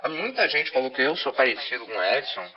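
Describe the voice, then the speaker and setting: A Brazilian man co-hosts a podcast from a studio, his voice half-robotic through a filter as he jokes around and pretends to be a machine. His medium-pitched delivery is very animated and fairly quick. The recording is muffled, with crowd noise behind him.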